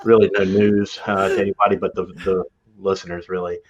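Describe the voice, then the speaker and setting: A man co-hosting with dry, self-deprecating humor, rambling and restarting his sentences. His voice is fairly low. The audio is dull and lo-fi, like a video call. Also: level tone, brisk, a crowd in the background. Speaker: podcast co-host. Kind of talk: casual chat.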